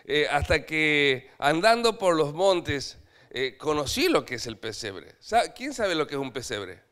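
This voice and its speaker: High-voiced Argentine preacher, dramatic. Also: male voice, very animated, unhurried. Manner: dramatic, swings from loud to hushed, asks the congregation questions. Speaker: missionary preacher. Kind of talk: sermon. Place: church.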